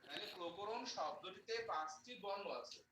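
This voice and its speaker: A male teacher leads a grammar lesson, breaking words apart into their sounds one by one. His voice sits high and bright. The recording is roomy, with the mic set some distance away and a faint hiss underneath. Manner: explains step by step, spells out sounds slowly. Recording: echoey room, mic far off, faint noise.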